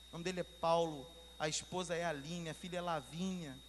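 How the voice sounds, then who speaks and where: A man's voice: a little high, steady tone, fairly quick. A man preaching a sermon in a church, telling a story and building to fervent, emphatic appeals. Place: church hall. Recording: reverberant church hall, faint hum.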